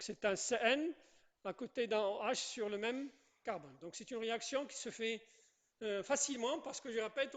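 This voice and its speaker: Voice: medium pitch, fairly bright tone. A chemistry teacher giving a classroom lecture at the board. The teacher often repeats points, checks in with the class, and quizzes students and praises their answers. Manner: repetitive, checks in with "d'accord?" and "je répète".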